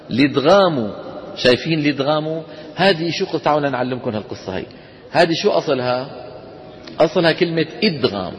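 Man teaching in an echoing hall. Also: fairly high pitch. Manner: asks students questions and answers them himself, chants verse lines slowly. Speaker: Quran recitation teacher. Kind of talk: classroom lesson on tajweed. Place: lecture hall with students. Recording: dull lo-fi lecture recording in a reverberant hall with faint noise.

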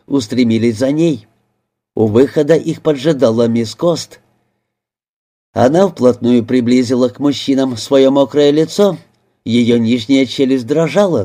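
A male narrator reading a detective audiobook in a measured, expressive storytelling manner. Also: mid-range voice. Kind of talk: scripted narration.

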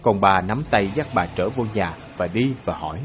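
A man narrating a novel as an audiobook in a steady storytelling manner. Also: sits low, normal speed, faint music behind.

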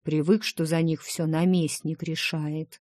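A gruff grumbling dragon, as a woman reads him. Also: low voice, little pitch movement, unhurried, a little mellow, no echo, clean studio sound. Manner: gruff, blunt, teasing. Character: gruff grumbling male dragon, protective friend. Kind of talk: audiobook character reading.

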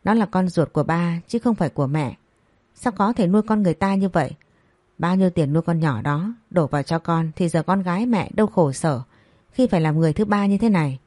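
A woman's voice: lowish voice, brisk, warm tone, dry recording, natural voice. A woman voicing a spoiled, defiant young woman who sneers at her family, in a storybook reading.

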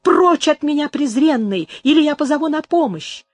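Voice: expressive, moderate pace. A reader voicing Amaranta, a shrieking terrified young woman. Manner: high, loud, cries out in terror and fury. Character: desperate young woman fighting off an attacker.

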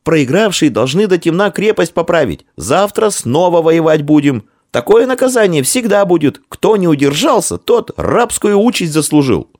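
A man's voice: fairly high pitch, sing-song, moderate pace, few pauses, darkish tone, no echo, studio quality, voice pushed up. A man voicing a self-important boy who barks orders. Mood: commanding. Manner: commanding, declaiming.

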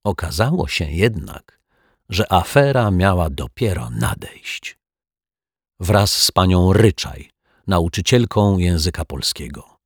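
Man, children's audiobook narrator, deep voice, husky, slow, dry recording. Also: no echo. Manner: steady, gently expressive reading.

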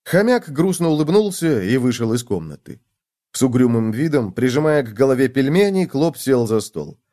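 A man narrating a children's storybook in an animated, expressive way. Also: medium pitch, moderate pace. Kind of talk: storybook reading.

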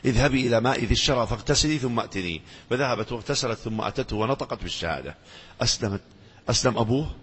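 A man with a slightly husky, mid-pitched voice teaches a religious lesson. His words ring through a big hall with a long echo. He often poses questions to his listeners and then answers them himself. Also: fairly bright tone. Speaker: Islamic scholar lecturing. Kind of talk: religious lecture with Quran recitation. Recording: lecture hall with long reverb.

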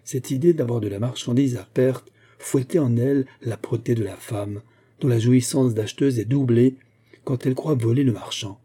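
A man giving a measured, scripted narration of a classic novel as an audiobook narrator. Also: medium pitch, mellow, breathy edge.

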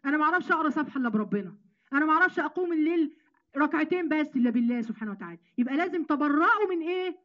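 A woman with an Egyptian accent giving an animated Quran lesson to women, addressing them as sisters. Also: sits high, racing, dull audio. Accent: Egyptian Arabic. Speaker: Quran teacher.

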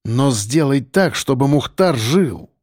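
Gruff, stubborn cop in an audiobook, blunt and pushy, as a male narrator plays him. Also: mid-range voice, lively intonation, takes it slowly, darkish tone, no room sound, studio quality. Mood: firm. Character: tough stubborn male police detective.

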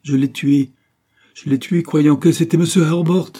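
In an audiobook, a man with a lowish, mellow, breathy voice plays a proud, wild, distraught woman who is dying. Reading at a moderate pace, he makes her vehement, prone to angry outbursts, agitated and anguished.

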